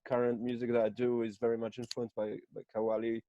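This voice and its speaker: A man's voice: medium pitch, monotone, fast, dark tone, lo-fi sound. A man from Israel, a counselor, introducing himself on a video call in a rambling, filler-heavy way. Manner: rambling, with many fillers and restarts. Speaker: counselor and psychotherapist. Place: home, early morning.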